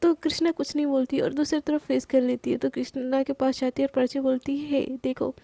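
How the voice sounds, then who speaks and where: A woman's voice: sits high, flat delivery, a little fast, creaky, mellow, dry recording. A woman storyteller retelling a story in a chatty, casual way, full of fillers. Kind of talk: casual spoken story narration.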